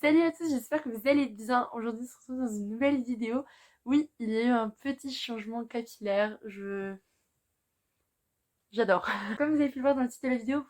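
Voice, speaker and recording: A woman's voice: a little high, darkish tone. A teenage girl chatting casually to camera about books she bought, with lots of fillers and little laughs. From France. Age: teens. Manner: chatty, many fillers, laughs between phrases. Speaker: booktuber. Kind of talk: casual chat.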